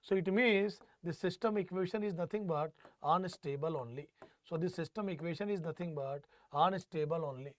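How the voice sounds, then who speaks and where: A teacher with a North Indian accent lectures an online exam class, repeating phrases for emphasis, prompting students with questions, and mixing Hindi phrases into his English. His voice is a little high and moves at a normal speed, with clean studio sound and no echo.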